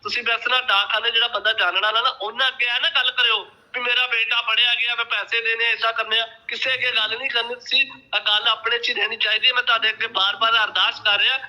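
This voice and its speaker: High, fast, insistent male caller. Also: flat delivery, pushed and bright, poor audio. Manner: insistent, repeats instructions. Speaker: phone caller. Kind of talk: phone call.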